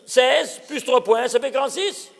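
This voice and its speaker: High-voiced animated rabbi in a hall. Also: male voice, moderate pace, vocal fry. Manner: animated, exclaiming, asks the audience questions. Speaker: rabbi teaching. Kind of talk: Torah lesson.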